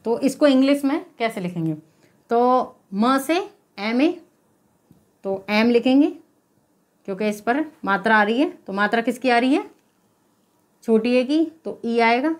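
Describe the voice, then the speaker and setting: High-voiced woman teaching slowly. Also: lively intonation. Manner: patient, explains step by step with rhetorical questions; checks in with repeated "okay?". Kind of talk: spelling lesson.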